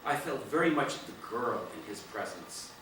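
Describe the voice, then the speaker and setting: A man reading his own first-person story aloud in a dramatic way, swinging between hushed and loud passages. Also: mid-range voice, expressive, moderate pace, slight background noise. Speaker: reader of his own play. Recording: echoey room from far off, faint ambience.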